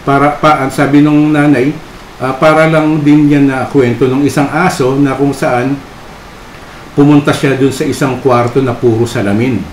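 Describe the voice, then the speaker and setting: A man preaching at a church service, telling a story in a halting way full of fillers and tag questions. His medium-pitched voice carries through a roomy hall. A faint background ambience sits under his words. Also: level tone, slight background noise. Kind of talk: storytelling sermon.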